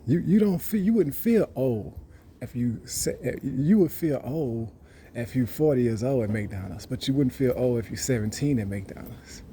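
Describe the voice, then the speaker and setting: A man talks in a rambling, boastful monologue and circles back over the same points. His voice is dark and mellow. A faint hiss sits behind him. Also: mid-range voice, lively intonation, normal speed. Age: 30s. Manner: rambling, boastful, repeats himself. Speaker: vlogger. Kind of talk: casual monologue.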